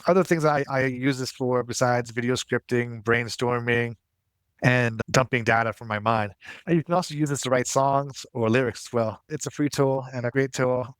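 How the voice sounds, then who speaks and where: A man's voice: mid-range voice, moderate pace, smooth, no echo. Man hosting a casual tutorial, dry close sound. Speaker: tutorial host. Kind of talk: casual scripted tutorial narration.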